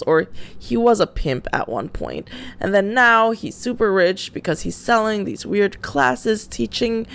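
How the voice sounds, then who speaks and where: A young woman hosting a podcast, ranting in a casual, exasperated way, swearing and restarting her sentences. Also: mid-range voice. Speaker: podcast host.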